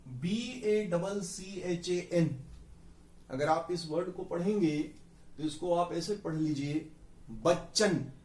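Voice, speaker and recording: A young man with a fairly high voice teaches vocabulary at an unhurried, careful pace. He spells out words letter by letter, and the room rings with echo around him. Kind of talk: explanatory exam-prep lesson. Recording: echoey room.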